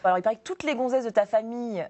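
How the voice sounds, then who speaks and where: A woman's voice: fairly high pitch, rapid-fire, dark tone. A woman hosting an interview, asking playful, teasing questions in a casual tone. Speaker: interview host.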